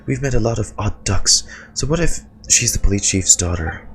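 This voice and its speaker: A man's voice: on the low side, animated, normal speed, a bit bright, slight background noise, voice pushed up. A man reading as a chirpy little companion. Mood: scoffing. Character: small chirpy female floating companion.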